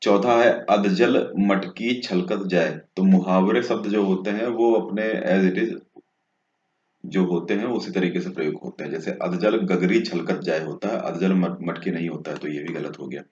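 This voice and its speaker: A man's voice: deep voice, moderate pace, darkish tone. A man working through exam questions as a tutor, going step by step and often checking in with a short "okay". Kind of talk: exam answer walkthrough. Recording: dull, echoey room sound.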